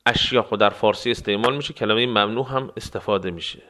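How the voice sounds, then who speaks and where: A man teaching travel phrases, explaining words and repeating them slowly for practice. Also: on the low side, bright, forceful tone. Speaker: language teacher. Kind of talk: phrase lesson with slow repetitions.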